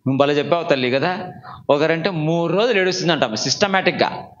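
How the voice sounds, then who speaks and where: High voiced man preaching, bright sharp tone, keeps firing questions at the crowd. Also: a little fast, dull audio. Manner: questions the congregation and has them raise hands; shifts between low asides and shouted calls. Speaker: pastor. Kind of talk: sermon.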